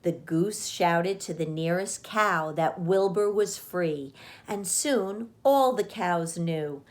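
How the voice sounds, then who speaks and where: A woman narrating a children's storybook as a read-aloud reader, with expressive delivery. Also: on the low side, takes it slowly.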